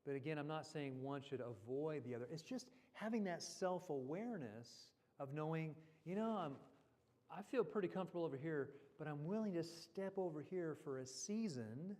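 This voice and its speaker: A man with a fairly high voice giving a church seminar. He teaches in a relaxed, conversational way and slips into acted-out voices to make a point. It sounds like a talk given to a live audience. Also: normal speed. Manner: animated, acts out quoted voices. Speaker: guest speaker. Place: church hall.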